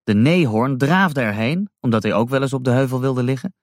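A man reading a rhyming children's story aloud as a storyteller, slow and expressive. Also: mid-range voice, no room sound, studio quality.

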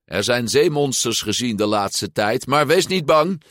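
A man voicing a loud, bossy woman announcing a race in a storybook reading. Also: medium pitch, animated, measured pace, dry recording, clean studio sound, pitched above the performer's own voice. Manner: proclaiming.

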